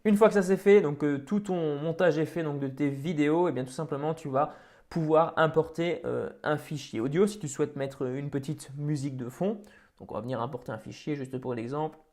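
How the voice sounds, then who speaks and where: Casual French man explaining software. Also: a little high, brisk. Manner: casual, many fillers and restarts. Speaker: tutorial host. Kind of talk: screen-recorded software tutorial.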